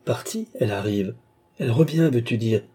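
A man's voice: mid-range voice, lively intonation, moderate pace, mellow, slightly rough. A man reading a novel aloud, voicing a caring young brother who questions his sister in surprise. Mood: puzzled.

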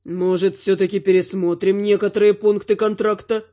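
A woman voicing a sly, scheming male demon lord in a lower, displeased voice. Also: level tone, moderate pace, warm tone, lightly acted. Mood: wheedling. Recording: slightly dull lo-fi sound.

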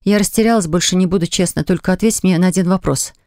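A man's voice: sits high, quick pace, a little mellow, dry recording, studio quality. A man reading an audiobook, voicing a timid young pregnant wife in a raised, pleading voice. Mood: flustered.

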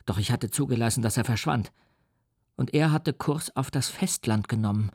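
A man narrating a literary reading for radio in the first person, in a grave, measured tone. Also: medium pitch, darkish tone, breathy edge, no room sound, studio quality.

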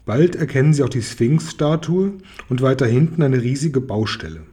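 A man calmly reading a children's book aloud. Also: mid-range voice, normal speed, breathy edge. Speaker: reader.

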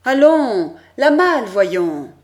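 A woman reading the part of a brusque middle-aged male baggage clerk who talks quickly and offhandedly, gruff but obliging. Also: a little high, sing-song, voice pushed up. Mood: impatient.

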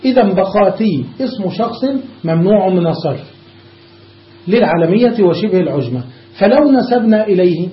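Male grammar teacher, high voice, patient step-by-step classroom explainer; dull lo-fi recording with room echo. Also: lively intonation, moderate pace. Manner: explains step by step, checks understanding with repeated questions.

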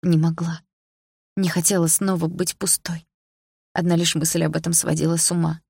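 Low, husky woman reading a romance. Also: level tone, moderate pace, darkish tone, dry recording, studio quality. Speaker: audiobook narrator. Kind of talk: scripted first-person narration.

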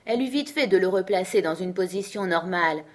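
A woman reading a classic storybook aloud in a calm, measured way. Her voice sits on the lower side for a woman, even and unhurried. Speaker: audiobook narrator. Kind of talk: storybook narration.

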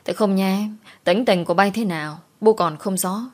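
A woman voicing a vain, sharp-tongued rich mistress who scolds and mocks. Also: mid-range voice, moderate pace, lightly acted. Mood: sour. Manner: scolding, sour and mocking.

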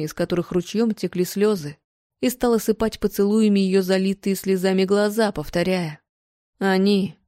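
A woman narrates a novel in a calm, measured reading voice. Her tone is dark and mellow. The recording is dry and close, with no room sound. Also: medium pitch, no echo.

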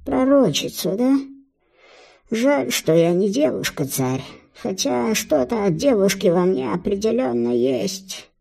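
A man voicing a sly, squeaky, creaking creature messenger in an audiobook, speaking in a slow drawn-out wheedling way. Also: lively intonation, mellow, full character voice. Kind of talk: audiobook character voice.

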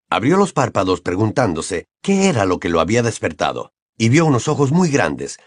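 A man narrating an audiobook in an expressive storytelling manner on a close mic. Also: on the low side, dry recording. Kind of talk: scripted narration.

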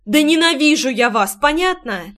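A woman's voice: on the high side, moderate pace, lightly acted. A woman doing a jittery defiant young woman. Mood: angry. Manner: sharp outbursts, anxious questioning. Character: defiant nervous young woman, quick-tempered.

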